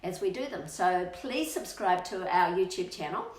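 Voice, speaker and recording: With a fairly low pitch and an animated delivery at normal speed, this woman hosts a children's storytime channel. She reads a storybook expressively in a sing-song style, stretching words for emphasis and making asides to her dog. The recording has a roomy echo from a distant microphone.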